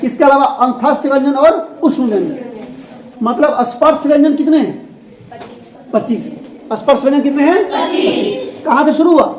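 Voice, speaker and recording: High-voiced woman teaching a class. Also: a little fast, a crowd in the background. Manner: asks questions and repeats answers, laughs often. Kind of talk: classroom Hindi grammar lesson. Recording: echoey classroom.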